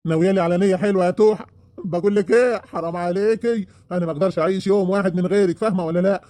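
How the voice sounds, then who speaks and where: Brief: man voicing an Egyptian husband, raised warm voice, very fast pleading; audio drama. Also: sits high, fairly even intonation, no room sound, lightly acted. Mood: self-pitying. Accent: Egyptian Arabic. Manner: pleading, rapid wheedling. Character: pleading, self-pitying remorseful husband.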